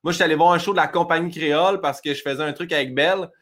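A man with a Québécois accent hosting a casual podcast chat, quick and chatty, often laughing. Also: on the high side, a bit bright. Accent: Québécois French. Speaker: podcast host.

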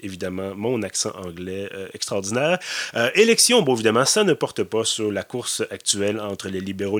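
A man with a Québécois French accent hosting a podcast, talking through a film review in a casual, hesitant way with many fillers and self-corrections. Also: lowish voice. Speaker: podcast host and film critic.

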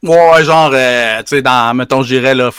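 A man with a Quebec French accent telling a story in casual chat, animated and slangy with lots of fillers. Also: mid-range voice, moderate pace, clean tone, no room sound, studio quality. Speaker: podcast co-host telling a story.

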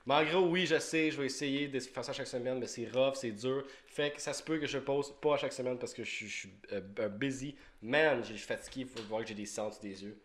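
A man's voice: mid-range voice, a little fast, hardly any pauses, a bit bright. A young man with a Québécois French accent hosting a casual podcast, rambling and repeating himself as he talks. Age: young adult. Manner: rambling, self-interrupting, repeats words. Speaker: podcast host. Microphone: home podcast mic.

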